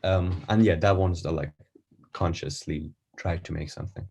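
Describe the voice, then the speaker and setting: A man from Iran, an artist guest on a podcast, talking casually and thinking aloud with many pauses and fillers. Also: deep voice, steady tone, a little mellow, husky.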